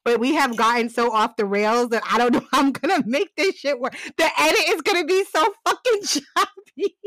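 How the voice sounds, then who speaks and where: A woman's voice: high voice, moderate pace, no echo. A woman, co-hosting a casual podcast and recapping a TV show, often laughing and swearing. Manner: laughs often, profane and animated. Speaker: podcast co-host recapping a TV series. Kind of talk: casual chat.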